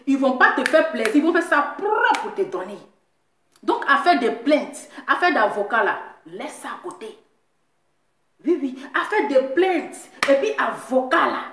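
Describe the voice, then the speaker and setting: Teasing woman, high lively voice. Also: measured pace, reverberant. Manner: teasing, repetitive, laughing as she talks. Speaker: social media commentator. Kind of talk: mocking casual rant to viewers.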